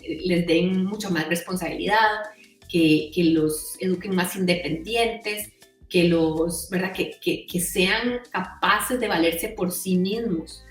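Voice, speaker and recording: A woman's voice: lowish voice, takes it slowly, reverberant, recorded from a distance, soft background music. A middle-aged Costa Rican woman talking as an interview guest in a chatty way, full of "o sea" and "¿verdad?". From Costa Rica. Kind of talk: casual conversational interview.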